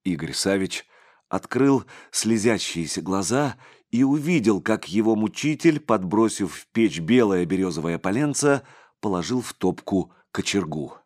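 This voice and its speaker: A man narrating an audiobook story in a dramatic, expressive way. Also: on the low side, unhurried.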